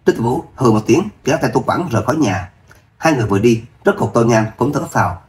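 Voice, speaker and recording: A man reading a serialized romance novel aloud. His narration is steady and even, moving the story along without fuss. His pitch sits in a middle range. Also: quick pace.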